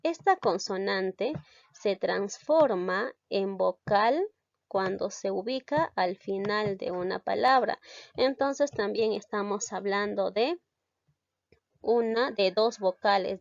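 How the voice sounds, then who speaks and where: A woman's voice: medium pitch, slow pace, creaky, no room sound. Woman teacher, patient step-by-step explainer, close dry sound, a little muffled. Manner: explains step by step and keeps asking "¿ya?" to check understanding. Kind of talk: recorded grammar lesson. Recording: slightly dull, dry sound.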